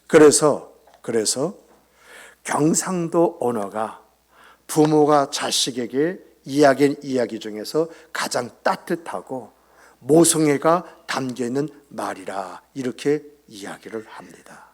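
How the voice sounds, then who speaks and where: A man's voice: medium pitch, lively intonation, takes it slowly, a little mellow. A male pastor giving a Sunday sermon in a church, talking conversationally, quizzing the congregation and dropping into whispered asides. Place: church sanctuary.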